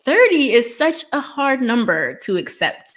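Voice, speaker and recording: A woman in her thirties talks as a podcast guest, and she tells her stories with plenty of laughter. Her voice is bright and forceful. It also sits a little high. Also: a little slow. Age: 30s. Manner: lively, laughing storyteller. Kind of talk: casual interview chat.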